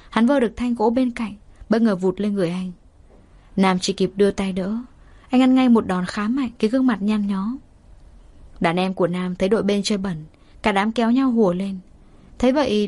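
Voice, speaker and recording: A woman reading a romance novel aloud as an audiobook narrator, in a steady, even storytelling manner. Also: mid-range voice.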